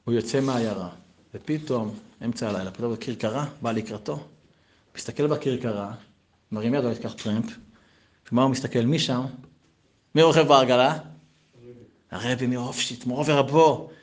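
A man telling a folk tale in a lively, animated way, with chatty asides to his listeners. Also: medium pitch, long pauses. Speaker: storyteller. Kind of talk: lively oral storytelling.

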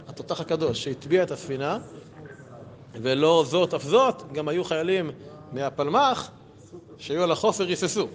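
A man giving a religious lesson, talking conversationally and asking rhetorical questions, with sudden emphatic rises. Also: fairly high pitch. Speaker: religious teacher. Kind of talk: Torah lesson to a group.

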